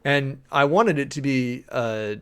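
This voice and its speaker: A man preparing a sermon out loud, casually thinking through scripture with many fillers and restarts, sometimes slowly reading Greek. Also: mid-range voice, smooth. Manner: reads and parses Greek text slowly. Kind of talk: casual sermon-prep talk.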